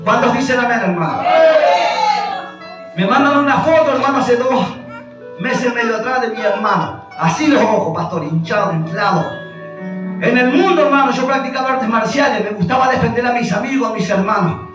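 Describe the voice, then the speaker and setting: Fervent high-voiced Argentine pastor. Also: male voice, lively intonation, moderate pace, lo-fi sound. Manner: fervent preaching, constant calls of brother and amen. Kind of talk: sermon. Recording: echoey church hall from far, music behind.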